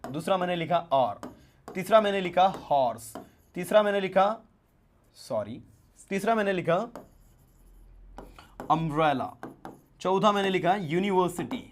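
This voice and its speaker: A man's voice: high voice, lively intonation, unhurried, long pauses, slight background noise. A man teaching English grammar in a casual classroom style, explaining step by step and checking in with his students as he writes words on a board. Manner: explains step by step with frequent "है ना" and "right?" check-ins.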